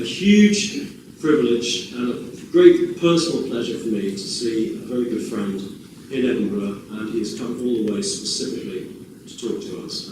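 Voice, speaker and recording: A man's voice: mid-range voice, noisy background. A man introducing the evening's speaker with rambling, good-humoured anecdotes in a lecture theatre. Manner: rambling, warm-humoured storyteller. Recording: echoey lecture theatre, distant mic.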